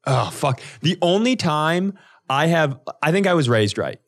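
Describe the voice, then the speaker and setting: A fairly high male voice with big pitch swings speaks at a measured pace. He's a podcast co-host bantering comically and casually, crude and profane in his swearing and mock-indignant in tone.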